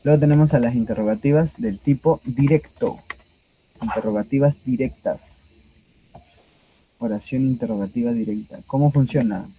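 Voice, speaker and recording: A male teacher explaining grammar patiently, often pausing to check that his students follow. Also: medium pitch, warm tone, slight background noise, low-quality recording. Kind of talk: grammar lesson.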